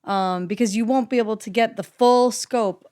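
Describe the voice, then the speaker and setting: On a podcast she co-hosts, a woman whose first language is English gives relaxed, supportive advice and laughs frequently. Her voice is on the high side, mellow and smooth, at a normal pace.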